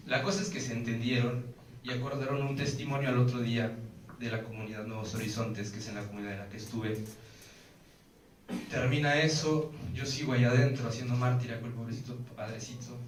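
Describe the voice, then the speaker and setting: A man's voice: mid-range voice, fairly even intonation, brisk, a little hiss or hum. A young Mexican man with a Mexican Spanish accent giving an intense personal faith testimony and acting out the voices of people he quotes. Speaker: testimony speaker. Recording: roomy, distant mic, faint ambience.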